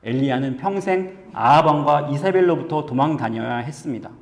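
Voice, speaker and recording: A man preaches a sermon with a somewhat raised pitch, telling stories in an earnest, conversational way. His voice carries a long reverb that trails after each phrase, as in a spacious church hall. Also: brisk. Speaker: pastor.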